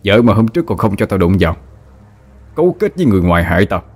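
A spiteful ghost of a husband in a spoken ghost story, voiced by a male narrator, low and harsh, spitting threats and sneering at his wife. His rants come fast and hard. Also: very animated, darkish tone, breathy edge. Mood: angry, menacing. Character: cruel jealous ghost husband, man, menacing.

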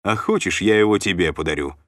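A man's voice: low-pitched, fast, dry recording, clean studio sound, natural voice. A man voicing a plump, sly and jovial noble uncle who banters and bargains. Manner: chatty, bantering, scheming.

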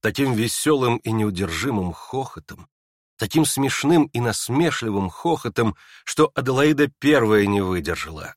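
A man narrating a classic novel aloud in a measured, expressive reading voice. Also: medium pitch, no room sound, clean studio sound. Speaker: audiobook narrator.

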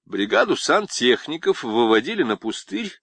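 A man narrating an audiobook in an expressive, ironic storytelling manner. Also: medium pitch, normal speed, creaky, dry recording.

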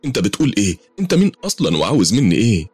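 A man voicing a frightened young female university student in a horror story, pushing his voice high and strained, with an Egyptian accent. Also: sing-song, rapid-fire, darkish tone, breathy edge, no room sound, faint music behind. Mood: alarmed. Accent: Egyptian Arabic.

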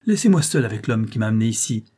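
A man's voice: on the low side, fairly even intonation, normal speed, dark tone, breathy edge. A man reading an audiobook, voicing a furious young noblewoman trapped against her will who hisses through clenched teeth.

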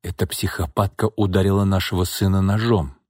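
A man voicing an enraged older man who shouts harshly and without mercy. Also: low voice, little pitch movement, brisk, dry recording, studio quality. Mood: furious. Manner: shouting, merciless.

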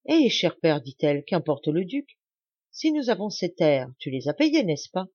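A woman reading an audiobook, voicing an anxious, tender young daughter who pleads softly. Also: on the low side, big pitch swings, a little slow, no room sound, dull audio. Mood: reasoning. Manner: pleading, soft-spoken.

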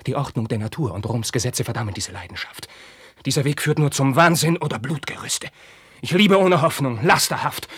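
An actor playing a young prince torn by forbidden love, declaiming classical verse with passion and dropping into hushed whispers. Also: male voice, fairly low pitch, slightly rough, dry recording, clean studio sound. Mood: anguished. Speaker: actor in a radio play. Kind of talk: classical verse radio drama.

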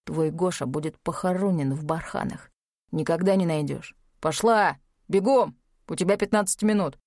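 A woman reading an audiobook voices a cold, sneering male criminal who mutters low threats. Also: normal speed, a little mellow, no echo, clean studio sound. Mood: menacing.

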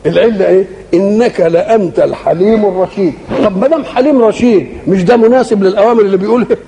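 An older Egyptian man preaches in a quick, colloquial style, stopping often to throw questions back at his listeners. His voice sits high and has a gravelly rasp. He slows right down and stretches out each verse he recites. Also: warm tone, a little hiss or hum. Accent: Egyptian Arabic. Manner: rhetorical questions to the audience, drawn-out recitation of verses. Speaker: preacher explaining Quranic verses. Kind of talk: colloquial sermon-style Quran commentary.

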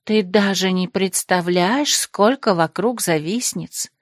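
A woman's voice: medium pitch, a little slow, no room sound, studio quality, natural voice. A woman voicing a haughty, catty young aristocratic woman in an audiobook, drawling and reproachful.

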